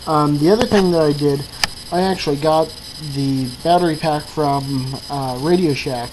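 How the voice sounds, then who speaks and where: Walking through her electronics hobby project off the cuff, a woman speaks at a normal speed in a low voice. She sounds hesitant, as if working things out aloud. Throughout, there's obvious noise and a constant mains hum.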